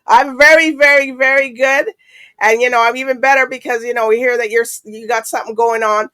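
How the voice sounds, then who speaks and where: A woman's voice: fairly high pitch, steady tone, brisk, sharp tone, no echo. A woman hosting a talk show in a chatty, casual way, with frequent fillers.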